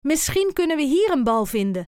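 A woman's voice: high-pitched, sing-song, brisk, a little mellow, dry recording, studio quality, voice pushed up. A woman voicing a cheeky, grinning male monkey who teases his friend, in a children's storybook. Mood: teasing. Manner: teasing and good-humoured.

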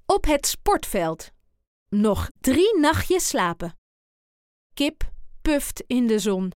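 A woman reading a children's picture book aloud in an expressive, deliberate way. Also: high voice, no echo, studio quality. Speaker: storyteller.

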